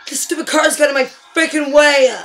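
High-pitched woman yelling at a racing game. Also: fairly even intonation, moderate pace, soft background music. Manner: swears and yells at the game. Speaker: gamer. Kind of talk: gaming commentary.

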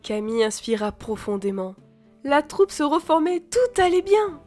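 A woman with a high voice reads a fantasy novel aloud, lively and expressive. She puts on voices for the dialogue, with faint music behind her. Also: moderate pace. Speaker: audiobook reader.

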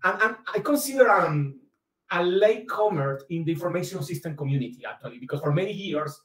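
A man's voice: high-pitched, expressive, brisk, a bit bright, far from the mic. Colombian man, roomy video call. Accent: Caribbean Colombian. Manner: hesitant, repeats "actually" often. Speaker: guest speaker, professor. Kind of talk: academic presentation. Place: home office, indoors.

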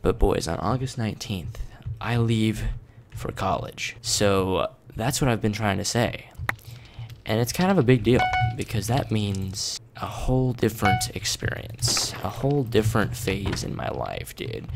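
An eighteen-year-old man quietly commentating a game late at night in his bedroom, calling viewers "boys" and "dude". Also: fairly low pitch, animated, measured pace, noisy background. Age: 18, young adult. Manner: hushed and casual, calls viewers "boys" and "dude". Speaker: gaming YouTuber. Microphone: desk microphone turned up.

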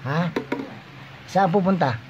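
A man's voice: high-pitched, slow, lo-fi sound. A father teasing and coaxing his young daughter in casual home banter, playful and joking. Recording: home video with background noise.

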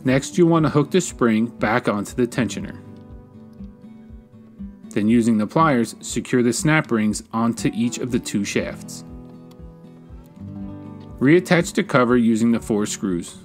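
Calm man narrating a how-to. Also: medium pitch. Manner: calm, instructional, measured. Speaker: woodworking channel host. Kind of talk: step-by-step how-to voice-over. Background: faint guitar music.

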